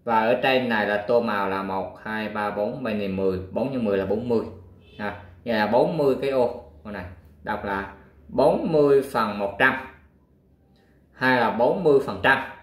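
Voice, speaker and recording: A man teaching a math lesson, working through a worksheet, counting aloud step by step and pausing with fillers. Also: fairly low pitch, echoey room.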